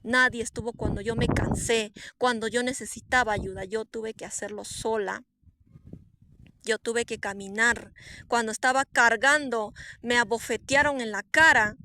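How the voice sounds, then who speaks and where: A woman, a prophetess, giving an earnest, emotional personal testimony, swinging between soft and emphatic and repeating herself for emphasis. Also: fairly high pitch, steady tone, normal speed, a little hiss or hum. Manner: repetitive, with frequent restarts and fillers.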